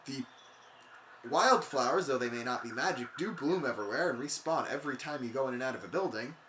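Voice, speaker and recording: A let's player giving chatty, jokey gameplay commentary and quickly correcting their own slips. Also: medium pitch, expressive, a bit bright, echoey room, slight background noise.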